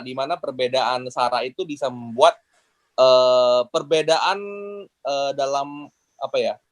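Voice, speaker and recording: A man's voice: medium pitch, no room sound. A man hosting a podcast who asks long, rambling questions full of fillers. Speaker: podcast host. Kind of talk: moderating a discussion.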